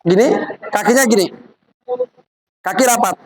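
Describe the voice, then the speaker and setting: Her voice is mid-range and her pace normal, though the audio quality is poor. An MLM product presenter, she demonstrates live to a group in a chatty, coaxing way, guiding volunteers while a crowd murmurs behind her.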